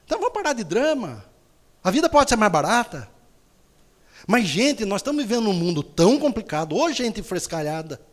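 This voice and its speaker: Lively, teasing woman preaching with humor. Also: mid-range voice, brisk. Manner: playful storytelling, acts out voices, blunt teasing.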